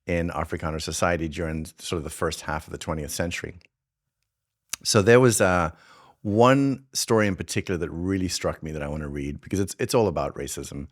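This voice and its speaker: A man from South Africa with a light South African accent, hosting a podcast and musing aloud in a meandering way with frequent restarts. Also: low-pitched. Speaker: podcast host and filmmaker. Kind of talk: casual reflective monologue.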